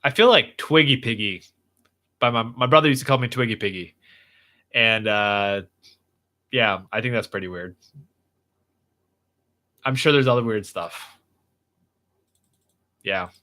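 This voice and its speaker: A young man hosts a casual livestream, talking earnestly in a bright, forward tone. He rambles and restarts often, filling his talk with fillers as he goes. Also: medium pitch, unhurried, long pauses. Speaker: livestream host.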